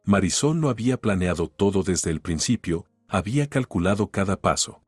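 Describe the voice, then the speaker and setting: A man narrating a family drama in an even, steady audiobook story reading. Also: low-pitched, moderate pace, breathy edge, dry recording, clean studio sound, faint music behind.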